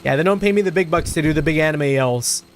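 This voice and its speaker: Male streamer, casual game chat, loose and profane, voice on the higher side; game music underneath. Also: quick pace, a little hiss or hum. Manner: loose, swearing, many filler likes. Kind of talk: casual gaming commentary.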